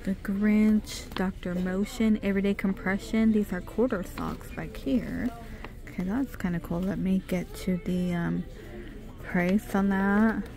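A woman's voice: mid-range voice, steady tone, unhurried, warm tone, faint music behind. A middle-aged woman narrating a casual shop-with-me vlog in a department store, reading out product names and prices as she browses. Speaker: shopping vlogger. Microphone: handheld phone camera.

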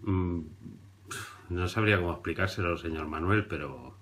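Sitting at his desk before a printed backdrop indoors, a Barcelona man in his thirties records himself on a webcam, sarcastically ridiculing clips he plays. He is dry and hesitant, padding gaps with "mm," and speaks at a moderate pace in a very deep voice with a slightly bright quality.

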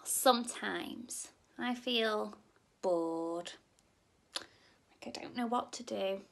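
Reading a story to little ones at home, this young nursery teacher keeps her mid-range voice gentle and expressive. Her pace is very slow and relaxed, and vocal fry is clearly audible.

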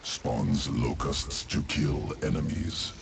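An actor playing an emotionless alien bio-engineer creature in a video game, gurgling and clipped in a detached, telegraphic manner. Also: male voice, extremely low pitch, expressive, slow, a crowd in the background, exaggerated voice. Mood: clinical detached. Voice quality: gurgling, gravelly. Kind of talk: video game character acting. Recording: loud game music behind.

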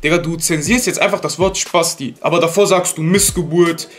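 A man's voice: fairly high pitch, a little fast, faint music behind. A man hosting a reaction video, lecturing heatedly in casual heavy talk. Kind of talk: casual ranting reaction commentary.

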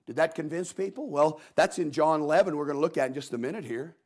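Casting note: male preacher, high voice, folksy storyteller, acts out voices in the stories he tells. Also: fast, darkish tone, breathy edge. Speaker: guest preacher. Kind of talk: sermon. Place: church.

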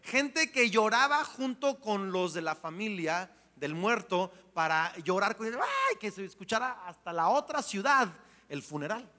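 A man preaching a sermon as pastor, animated and playful, acting out little voices along the way. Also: high-pitched, a little slow. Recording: long hall reverb.

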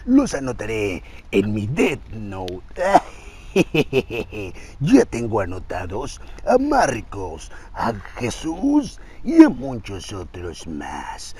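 A mischievous death spirit from an anime, voiced by a man. His voice is very deep, dark and husky, and he draws out his teasing words slowly. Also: heavily acted. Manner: low, gravelly, teasing.

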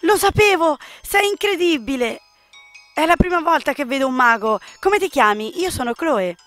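A woman voicing an innocent but suspicious little girl in a dating game, reading her lines in a high, childish, indignant way. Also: lively intonation, measured pace, fairly bright tone, soft background music. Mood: eager. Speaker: game player reading a character.

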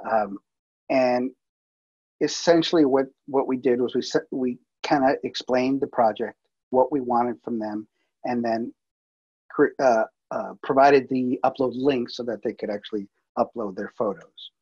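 Man, webinar presenter, casual and halting, raspy voice, muffled call audio. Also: mid-range voice, steady tone, a little mellow. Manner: casual, halting, many fillers and restarts. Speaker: multimedia producer presenting. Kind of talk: webinar presentation over slides.

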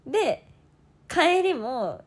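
High, lively young woman telling a story. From Toyama, Japan. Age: 20s. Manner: animated, acts out others' lines, laughs often; fast bursts of quoted speech. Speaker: idol turned streamer. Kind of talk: casual storytelling chat.

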